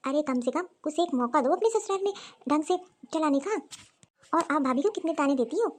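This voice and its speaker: A firm, outspoken adult daughter from a cartoon story, voiced by a woman. She speaks frankly in a high voice, reproaching without holding back. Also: animated, a little fast. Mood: reproachful.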